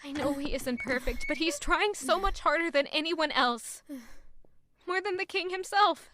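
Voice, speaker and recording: In an audio drama, an actress plays a young maid who is defensive and in love, thinking aloud with strong emotion and sounding indignant. Her female voice is high-pitched, pushed and bright, delivered at a moderate pace.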